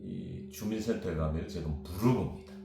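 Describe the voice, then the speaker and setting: A man in his fifties, from South Korea, tells stories in a rambling, animated way. His voice sits low. The room is very echoey, with music playing behind him. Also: normal speed, vocal fry. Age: 50s. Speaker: guest. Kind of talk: storytelling chat.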